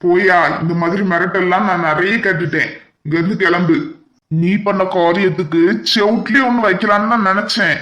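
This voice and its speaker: A blunt young company boss in a cartoon, protective and quick to scold. His voice sits high for a man and his delivery stays firm and commanding. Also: sharp tone. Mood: angry. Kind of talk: cartoon voice acting.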